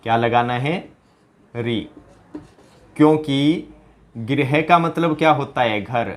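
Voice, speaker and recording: A man's voice: medium pitch, slow pace. A man teaching a Hindi spelling lesson for exam students, asking the class question after question and answering them himself, with joking asides in a local dialect. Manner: quizzing listeners with repeated rhetorical questions.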